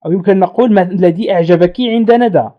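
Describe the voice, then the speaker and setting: A man teaching French grammar in Arabic, slowly and patiently repeating each example sentence. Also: sits high, lo-fi sound. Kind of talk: language lesson explaining French questions.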